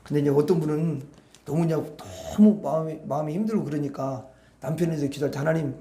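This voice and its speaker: A man's voice: on the high side, quick pace, mellow, echoey room. A male pastor preaching a Sunday evening sermon in a conversational way, often asking the congregation to agree with him. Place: church sanctuary.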